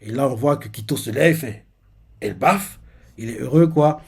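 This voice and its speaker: A man's voice: mid-range voice, fairly quick, creaky, a little mellow, slightly rough. A man hosting a live reaction video, retelling a comic chapter loosely and wondering aloud between scenes. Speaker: manga reaction video host.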